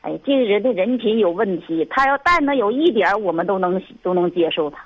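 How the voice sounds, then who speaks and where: Middle-aged woman caller with a Northeastern accent, exasperated, sighs a lot, talks fast and rambling. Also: medium pitch, expressive, phone-quality sound, over a noisy crowd. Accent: Northeastern Mandarin. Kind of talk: call-in conversation.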